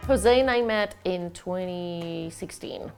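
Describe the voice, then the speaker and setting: Gravelly-voiced woman from Colombia. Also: fairly low pitch, slow, darkish tone. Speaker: graphic designer. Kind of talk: documentary interview. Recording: music bed underneath.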